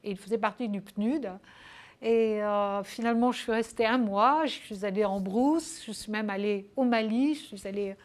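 A woman's voice: medium pitch, normal speed. Woman answering with many fillers. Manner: hesitant, many fillers and restarts. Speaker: interview guest. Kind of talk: casual interview answers.

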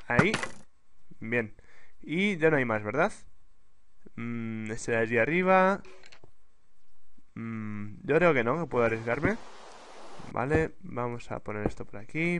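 A man giving casual Let's Play commentary, chatty and quick to exclaim, repeating words when things get tense. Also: mid-range voice. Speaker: gaming YouTuber. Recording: clear background noise with clicks.

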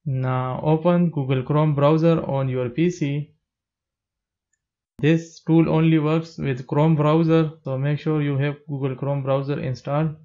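A man with a slightly raised pitch gives calm, step-by-step instructions in a plain, steady tone. His voice-over is recorded with a dull, lo-fi sound. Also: a little slow. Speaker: tech tutorial narrator. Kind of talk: scripted step-by-step narration.

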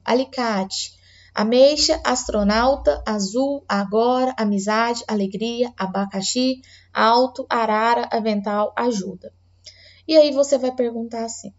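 Brazilian teacher lady, kinda high voice, patient, walks parents through reading, muffled lo-fi audio. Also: darkish tone. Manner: patient and explanatory, slows down to read words aloud. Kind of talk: early literacy lesson for parents.

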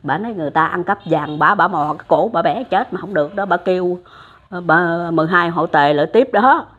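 A woman's voice: lowish voice, fairly quick. An older woman, telling stories casually, acting out dialogue and addressing the listener affectionately. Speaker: storyteller of religious experiences. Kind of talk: casual spoken storytelling. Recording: muffled lo-fi recording.

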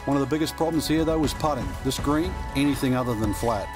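A man's voice: medium pitch, quick pace, music in the background, natural voice. A man playing a conversational, knowing golf commentator who adds analysis in a sports video game. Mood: analytical.

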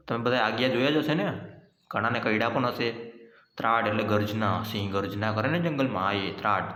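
A man's voice: medium pitch, sharp tone. Echoey male teacher. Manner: slow, patient recitation and explanation. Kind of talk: explaining a school poem to children. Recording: echoey room with long reverb.

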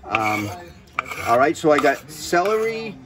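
A man talks through a cooking show in a loose, rambling way. He jokes, swears and wanders into side stories between steps. His voice sits a bit high for a man, and clear music plays underneath. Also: big pitch swings, a little slow, low-quality recording. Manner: rambling, joking, swears freely, drifts into stories. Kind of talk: casual cooking demonstration chat.

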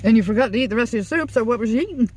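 A woman's voice: on the high side, lively intonation, racing, darkish tone, a little hiss or hum, poor audio. Older woman chatting while chewing. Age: 60s. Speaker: vlog host. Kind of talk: casual chat over a meal. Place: inside a parked car at night.

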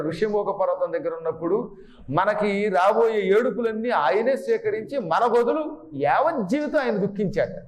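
Male devotional speaker, high pitch, chants and explains verses, teaching tone, recorded in a roomy hall with faint noise. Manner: chants Sanskrit verses slowly, then explains line by line; teaches by asking the audience to voice sounds. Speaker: spiritual discourse speaker. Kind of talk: devotional discourse.

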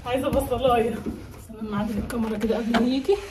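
A young Egyptian woman talking fast and insistently in a casual home vlog. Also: a little high, steady tone, very noisy. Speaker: vlogger. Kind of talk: casual staged argument.

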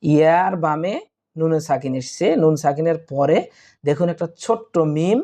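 A man's voice: a little high, normal speed, dark tone. A man teaching Quran reading. He spells out each letter and vowel mark one at a time, then chants the joined verse, speaking patiently to his students. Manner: patient, addresses students directly.

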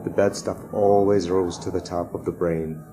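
A man reading a children's chapter book aloud to sixth graders in a steady, measured way. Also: sits low, noisy background.

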